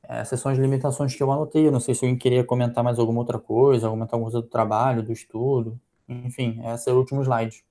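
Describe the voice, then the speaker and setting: Fast, gravelly Brazilian man critiquing a study. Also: mid-range voice, flat delivery, dark tone. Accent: Brazilian Portuguese. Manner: analytical, thinking aloud with frequent fillers. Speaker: physician presenting a journal article. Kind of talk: journal club critique.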